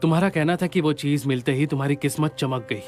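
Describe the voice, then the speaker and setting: A man's voice: fairly high pitch, quick pace, darkish tone, faint music behind, natural voice. A man playing a stern, lecturing young man. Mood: blunt. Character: strict, blunt young man who scolds her. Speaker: dubbed drama character. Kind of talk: Hindi dub of a drama.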